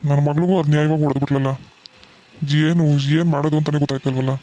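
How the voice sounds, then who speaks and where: A man voicing a gentle middle-aged village father in a cartoon, soothing and reassuring his daughter. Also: a little high, fairly even intonation, quick pace, a little hiss or hum, lightly acted. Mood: fretting. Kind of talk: cartoon voice acting.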